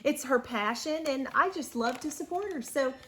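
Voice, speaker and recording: A woman's voice: high-pitched, lively intonation, normal speed, a bit bright. A woman with an Ohio accent, co-hosting a casual stitching show, chatting enthusiastically and laughing often. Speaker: co-host of a stitching video show. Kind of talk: casual chat showing purchases.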